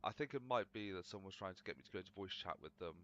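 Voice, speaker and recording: A man's voice: sits low, expressive, racing, a bit bright, muffled recording, slight background noise. A young man rambling casually through gameplay commentary, swearing freely as he chats. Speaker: gaming channel host.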